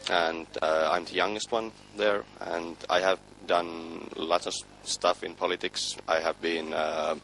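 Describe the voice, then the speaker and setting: Young Finnish-accented man, very low and gravelly, hesitant delivery. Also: fairly even intonation, measured pace, few pauses, fairly bright tone, slight background noise, rough recording. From Finland. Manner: hesitant, many fillers. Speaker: city councillor.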